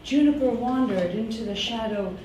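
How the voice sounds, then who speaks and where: A woman improvising a story live on stage, narrating in a dramatic, halting way. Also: a little high, dark tone, lo-fi sound. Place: theatre stage. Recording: echoey noisy theatre from far off.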